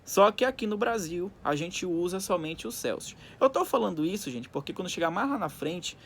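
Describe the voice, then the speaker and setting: A man's voice: sits high, animated, normal speed, fairly bright tone, a little hiss or hum. A male teacher giving a recorded school lesson, dictating from a textbook in segments and explaining didactically with frequent check-in tags. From Brazil.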